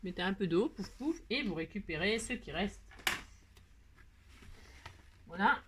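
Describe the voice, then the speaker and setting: A woman's voice: mid-range voice, animated, unhurried. Chatty woman crafting over a noisy table. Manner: chatty, answers herself with "si", makes playful sound effects; gets annoyed by mistakes, then laughs it off. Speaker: crafting video host. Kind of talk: casual tutorial chat. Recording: noisy home recording.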